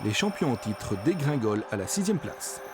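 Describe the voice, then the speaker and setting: A man's voice: medium pitch, sing-song, moderate pace. A man reading scripted narration for a football season review. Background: music.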